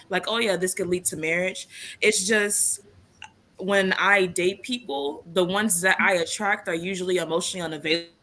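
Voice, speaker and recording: A woman's voice: fairly low pitch, bright, forceful tone. A twenty-year-old woman guest speaking earnestly and thoughtfully on a casual talk show.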